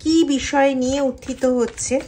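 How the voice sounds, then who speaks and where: High-voiced woman giving a tarot reading. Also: fairly even intonation, slight background noise. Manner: chants mantras softly and slowly. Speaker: tarot reader. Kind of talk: general tarot reading to viewers.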